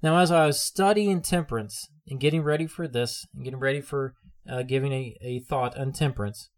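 A man's voice: mid-range voice, brisk. A man preaching a sermon in an earnest way, often repeating his phrases for emphasis.

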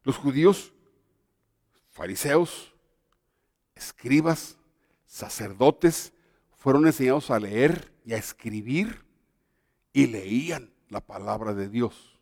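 A man, a pastor giving a Bible study, speaking in an animated, emphatic way and pausing deliberately at commas. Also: mid-range voice, creaky, dry recording, clean studio sound, long reverb tail.

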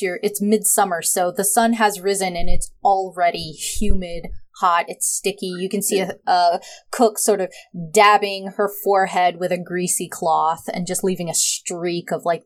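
Woman narrating as game master. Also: fairly low pitch. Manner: casual, hesitant fillers, descriptive.

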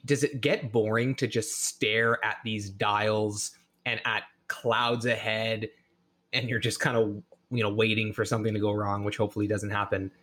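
A man's voice: on the low side, a bit bright. A man hosting a podcast, asking eager, rambling questions full of restarts. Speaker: podcast host. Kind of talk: casual interview questions.

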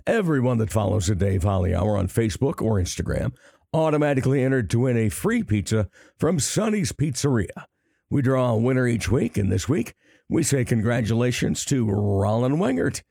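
A man in his sixties with a raspy, gravelly voice, hosting a podcast in a conversational style. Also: mid-range voice, big pitch swings, moderate pace, warm tone, no room sound, studio quality. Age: 60s. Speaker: podcast host.

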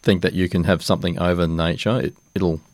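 A man with a very deep, even voice, co-hosting a casual conversation. He speaks in a calm, measured, reflective way, and the room sound is dry. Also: dry recording. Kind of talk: casual chat.

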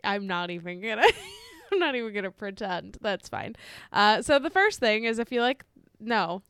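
A woman's voice: medium pitch, expressive, moderate pace, a bit bright, clean tone, dry recording, clean studio sound. A woman co-hosting a casual podcast, chatty, laughing often and swearing freely. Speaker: podcast co-host.

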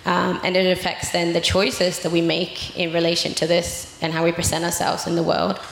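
A woman lecturing in a measured, explanatory manner in an echoey room. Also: lowish voice, monotone, vocal fry, a little hiss or hum. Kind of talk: presentation talk.

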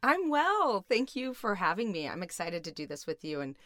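A middle-aged woman explains her field as an interview guest. Her voice is on the low side and moves with very animated intonation, recorded close and dry. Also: moderate pace, no echo. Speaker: guest expert, criminal psychologist.

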